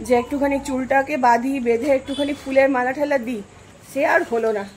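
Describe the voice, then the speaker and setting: In a bright, high voice with a steady tone, a young woman delivers brisk, casual vlog narration. Chatty and direct, she keeps asking her viewers questions, while the rough phone audio catches lots of background noise.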